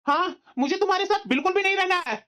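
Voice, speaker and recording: A woman's voice: sits high, lively intonation, fairly quick. A woman voicing a hot-tempered grown son in a cartoon, who orders his wife around and defends his mother. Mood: furious. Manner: angry, commanding. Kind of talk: cartoon voice acting. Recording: slightly dull lo-fi audio.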